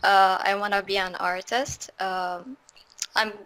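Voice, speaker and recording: Young egyptian girl, bright voice, foreigner's halting turkish mixed w english, takes her time. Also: mid-range voice, fairly even intonation, clear, resonant tone. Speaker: language student, lesson guest. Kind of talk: conversation practice in a language lesson.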